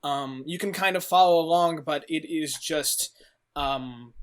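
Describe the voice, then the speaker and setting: A man's voice: a little high, unhurried, clear, resonant tone. A man narrating a tabletop horror game as game master, rambling with many fillers. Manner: rambling, filler-heavy, laughs often.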